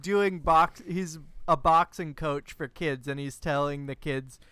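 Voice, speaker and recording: Slow, halting man on a dry mic. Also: a little high, pushed and bright, clear, resonant tone, no room sound. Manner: halting, with many fillers. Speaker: podcast co-host. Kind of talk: casual chat.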